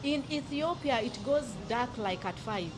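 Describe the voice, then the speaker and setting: A woman with a Ugandan East African accent tells of her travels in a casual, emphatic, animated way, repeating words for emphasis. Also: a little high, a little slow. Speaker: guest sharing travel experiences. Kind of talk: casual conversational storytelling. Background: music.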